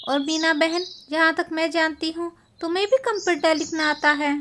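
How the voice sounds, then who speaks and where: Chatty young village wife, voiced by a woman, friendly gossip tone, high voice, faint hiss. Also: fairly even intonation, moderate pace, bright, forceful tone.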